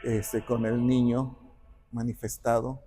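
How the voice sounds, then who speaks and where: Mellow-voiced man telling a story. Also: mid-range voice, slow pace, faint music behind. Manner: animated, acts out quoted dialogue. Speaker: guest speaker on the parish patron saint. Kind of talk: conversational storytelling.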